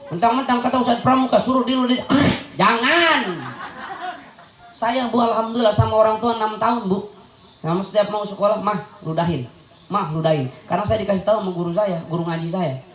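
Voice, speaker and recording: A young male preacher giving a humorous sermon to a crowd of mothers, teasing them and shouting his punchlines. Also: extremely high pitch, a little hiss or hum. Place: religious gathering with an audience. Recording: echoey event hall with crowd sound.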